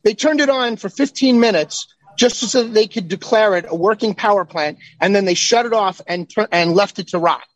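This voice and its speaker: A man's voice: sits high, fairly quick, dry recording, rough recording. A man joining a talk show as a guest, talking bluntly and heatedly with some swearing. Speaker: call-in guest. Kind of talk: casual chat.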